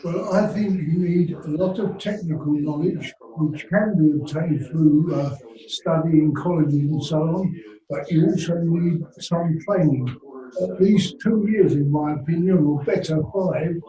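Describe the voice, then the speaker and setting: Slow, mellow-voiced man in his eighties, measured panelist, distant mic in a roomy hall. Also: a little high, muffled recording. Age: 80s. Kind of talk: panel discussion.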